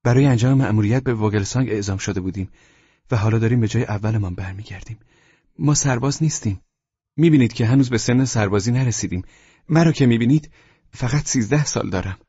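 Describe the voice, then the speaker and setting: A man's voice: mid-range voice, dark tone, slightly rough, dry recording, voice pushed up, close to an everyday voice. Man voicing a frightened pleading schoolboy. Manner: pleading, strained. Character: frightened 13-year-old schoolboy. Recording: dull lo-fi audio.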